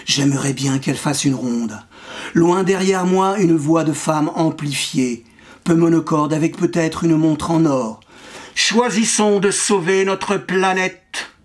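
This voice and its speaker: A man with a somewhat high voice reads his own poem aloud. His delivery is measured and rhythmic, lingering on the wordplay. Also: a little mellow. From France. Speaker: poet. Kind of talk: poetry reading.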